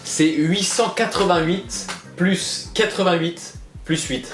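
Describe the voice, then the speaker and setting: A young man with a slightly high voice, laughing easily as he reads riddles and chats with friends. His voice rings around an echoey room while music plays steadily underneath. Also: slow pace. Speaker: co-host. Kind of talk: casual chat solving riddles.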